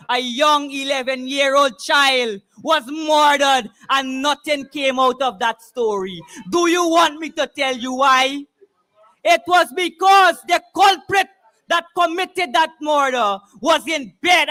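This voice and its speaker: Male Guyanese political orator, fiery and impassioned, shouted delivery, bright forceful tone, measured slow pace. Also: very high voice. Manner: fiery, impassioned, revolutionary call-to-action oratory; shouting much of the time. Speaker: political speaker at a rally. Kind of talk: fiery political rally speech. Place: public political meeting, speaking to a crowd.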